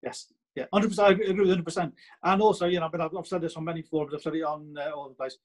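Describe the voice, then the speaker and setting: A man's voice: a little high, steady tone, racing. A man with a Stoke-on-Trent accent chatting casually on a podcast, emphatic and repeating his points with plenty of "you know".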